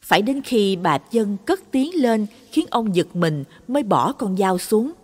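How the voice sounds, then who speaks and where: A woman narrating a late-night Buddhist moral story in a dramatic, expressive scripted read. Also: medium pitch, unhurried, husky. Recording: long reverb on voice.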